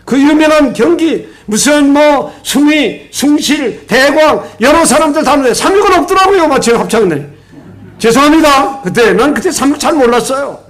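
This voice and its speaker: Here the same older pastor, with his remarkably high voice, swings from forceful outbursts to hushed asides while recounting stories with animation. He speaks at a normal speed with few pauses and draws the congregation into responding together.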